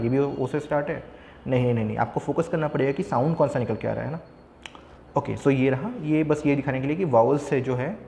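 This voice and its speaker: Male literature teacher, Indian English accent, slightly high voice, slow read-aloud examples, roomy echo with long reverb. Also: darkish tone. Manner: mixes Hindi and English, reads examples slowly; frequent checking fillers. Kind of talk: recorded lesson explaining slides. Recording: echoey room with long reverb.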